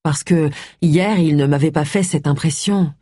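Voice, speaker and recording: Un lecteur de livre audio prête sa voix à une détective d'une cinquantaine d'années, nerveuse et prompte à s'emporter. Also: female voice, sits low, normal speed, dark tone, dry recording, clean studio sound. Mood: tendue. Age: 50s. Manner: tense, emotional outbursts. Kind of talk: audiobook character voice.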